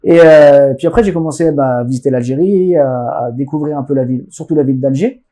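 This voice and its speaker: A man from France telling stories as a podcast guest in a casual, animated way, often restarting phrases and acting out dialogue. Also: medium pitch, quick pace. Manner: animated, many restarts, acts out quoted dialogue. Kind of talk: casual conversational storytelling.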